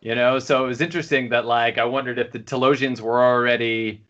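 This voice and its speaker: This male podcast co-host talks fast in a steady, mid-range voice with a fairly bright tone. It's a loose, rambling chat full of fillers and false starts, captured on lo-fi audio.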